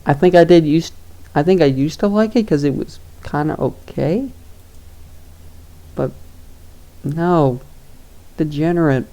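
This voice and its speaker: A man's voice: a little high, unhurried, pauses often, warm tone. A young man giving casual tier-list commentary, rambling and hesitant with lots of fillers and chuckles. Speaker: YouTuber ranking games.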